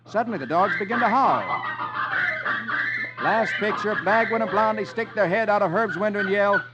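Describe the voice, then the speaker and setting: Hosting a 1950s children's radio show, a man reads stories from the funny pages in an animated, theatrical style. His voice sits high and moves at normal speed, heard through a muffled old radio recording with music behind him.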